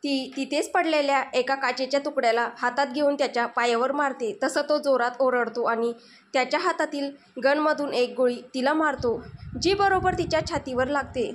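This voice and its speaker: A woman storyteller reads a scripted tale in a steady, dramatic way. Her voice sits high. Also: moderate pace.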